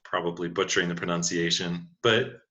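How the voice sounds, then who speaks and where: A man co-hosting a casual podcast chat, animated and jokey, often laughing. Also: low-pitched, brisk. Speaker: podcast co-host, organist. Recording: dull lo-fi podcast audio.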